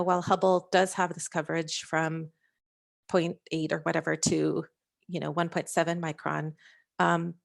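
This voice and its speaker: Woman scientist on a video call going through slides, lowish gravelly voice, lots of ums. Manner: hesitant, many fillers and restarts. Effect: heard over a video call. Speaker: scientist presenting a working-group overview. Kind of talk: slide presentation.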